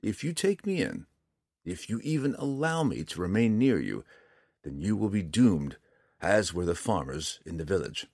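A man voicing a guarded, weary male dark elf who speaks flatly and tersely. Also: deep voice, moderate pace, husky, no echo, studio quality, heavily acted. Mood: grave. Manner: flat, terse.

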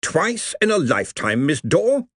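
A man voicing a pompous, hearty older head wizard who drawls slowly. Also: fairly high pitch, very animated, no room sound, clean studio sound, voice pushed up. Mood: jovial. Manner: slow, beaming, drawn-out delivery.

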